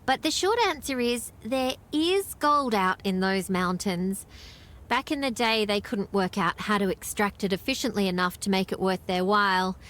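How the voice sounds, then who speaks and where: A woman's voice: mid-range voice, normal speed, a bit bright, natural voice. An actress with an Australian accent playing a friendly, knowledgeable small-town woman in video game dialogue, chatty and explanatory. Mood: friendly, earnest.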